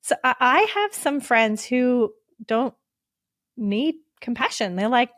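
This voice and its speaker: A woman therapist and author, a guest on a podcast, explaining self-help steps in a gentle, reassuring and instructive way. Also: fairly high pitch, slow pace, dry recording, clean studio sound.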